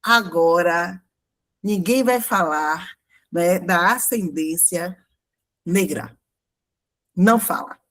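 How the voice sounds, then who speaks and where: A woman's voice: on the low side, takes it slowly, pauses often, a bit bright. A Brazilian woman pastor with a Brazilian Portuguese accent, preaching in a conversational sermon style full of fillers and rhetorical questions. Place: church.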